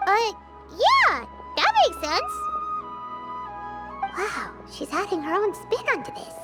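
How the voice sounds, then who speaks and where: A tiny fairy sidekick in a game, with an extremely high, squeaky childlike voice. She is perky, frank and animated, under loud playful music. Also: slow, exaggerated voice. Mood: perky, confident. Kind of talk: scripted video game story dialogue.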